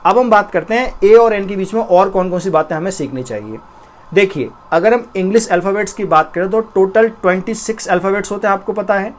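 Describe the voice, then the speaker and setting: A young man with an Indian accent and a high-pitched voice teaches a spoken English lesson. He explains patiently, step by step, and says each example slowly, often twice. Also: a little hiss or hum.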